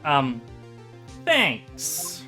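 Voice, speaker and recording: A man's voice: mid-range voice, wildly swooping pitch, drawn-out words, bright, forceful tone, faint music behind, heavily acted. A man playing a nervous, earnest young rookie attorney in a video game, hesitant and awkward.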